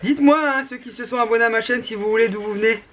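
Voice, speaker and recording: A woman's voice: on the high side, racing, a little hiss or hum. Chatty woman with a northern French accent. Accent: northern French (ch'ti). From northern France. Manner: chatty and rambling, many restarts. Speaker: scrapbooking YouTuber. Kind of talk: casual craft tutorial chat.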